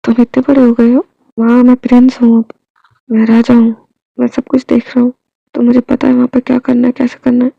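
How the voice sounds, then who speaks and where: A woman's voice: a little high, completely flat delivery, brisk, creaky, dry recording, muffled recording. A woman voicing an earnest young son, a dutiful prince explaining his duties in a storybook reading.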